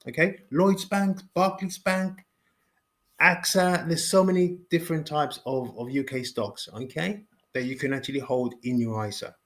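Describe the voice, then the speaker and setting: A man talks viewers through the basics in a casual lesson, his voice sitting a little high. He restarts phrases, repeats key words for emphasis and ends points with a quick "okay?". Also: steady tone. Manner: repeats himself, says "okay?" after points. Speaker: finance educator. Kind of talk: informal explainer video.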